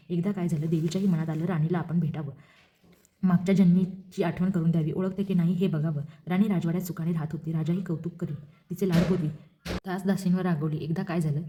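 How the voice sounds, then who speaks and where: Female storyteller, rapid rhythmic reading of a devotional tale, dark tone. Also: fairly low pitch. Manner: brisk rhythmic recitation.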